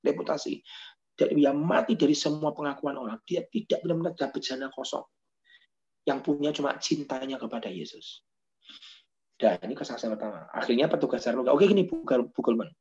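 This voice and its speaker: A man preaching a sermon as pastor, telling stories in a lively way and acting out the voices of the people in them. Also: medium pitch, vocal fry, lo-fi sound. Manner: animated storytelling, acts out quoted voices.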